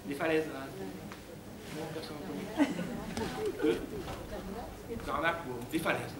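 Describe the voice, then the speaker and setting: A man's voice: fairly high pitch, fairly even intonation, a little slow, a loud crowd, natural voice. A man voicing a ditzy, easily amazed young woman who squeals her exclamations. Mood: dramatic. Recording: echoey room with background noise.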